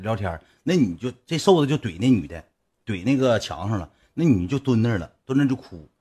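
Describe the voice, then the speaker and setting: Brief: young male storyteller, Northeastern Mandarin accent, very lively pitch, faint music underneath. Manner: animated, swings from low mumbles to high excited bursts. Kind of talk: casual anecdote telling.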